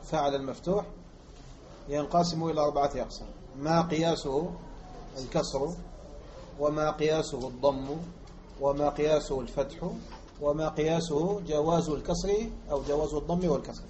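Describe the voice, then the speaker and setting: A man from Algeria teaching Arabic morphology as a lecture, repeating example words slowly and quizzing his listeners. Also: on the high side, fairly even intonation, a little mellow, slight background noise. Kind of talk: classroom lecture explaining grammar. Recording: muffled lo-fi recording.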